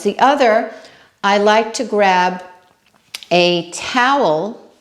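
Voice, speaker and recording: A woman with a New York accent demonstrating balance exercises, chatty and unhurried, checking in with viewers as she goes. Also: fairly high pitch. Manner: unhurried, talks while demonstrating moves. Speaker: fitness instructor.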